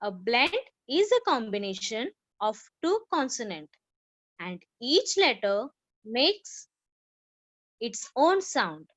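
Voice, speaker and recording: A woman's voice: fairly high pitch, very animated, a bit bright, no echo, highs cut off. A woman with an Indian accent teaching an online phonics lesson to children, asking questions and repeating sounds. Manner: slow, drawn-out teaching with repeated questions, switching between English and Hindi.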